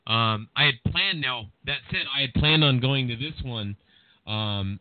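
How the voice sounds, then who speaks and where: A Californian man with a General American accent hosts a casual boxing podcast, rambling animatedly with many restarts and fillers. His voice is medium-pitched and unhurried, heard over a dry, tinny, phone-like line.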